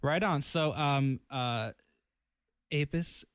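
A man hosting a casual radio interview in a studio, chatty and relaxed, full of fillers and easy laughs. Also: a little high, slow, clean tone, no room sound. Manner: laid-back, chatty, filler-heavy, laughs easily. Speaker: radio DJ and host. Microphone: studio microphone.

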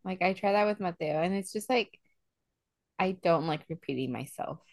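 A young woman co-hosting a casual chat podcast, telling stories in an animated way and acting out the scenes. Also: on the low side, moderate pace, vocal fry, no echo, clean studio sound. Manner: animated storyteller, acts out scenes. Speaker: podcast co-host.

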